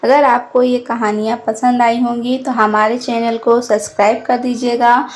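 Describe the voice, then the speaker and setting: A woman reading out a devotional festival folk tale in a slow, even storytelling manner. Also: a little high.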